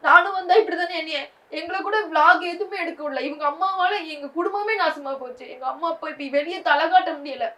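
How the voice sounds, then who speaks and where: A woman's voice: extremely high pitch, bright, forceful tone, distant mic. A young woman, an interview guest, talking in a distressed, pleading way about her family's hurt. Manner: distressed, pleading, talks fast. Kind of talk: emotional interview.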